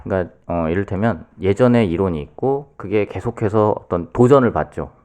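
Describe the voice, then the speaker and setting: A soft-spoken man with a low voice explains a book on a casual podcast. His pitch rises and falls a lot as he builds his points. He talks at length and fills his pauses with "um". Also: animated, clear, resonant tone. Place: podcast studio.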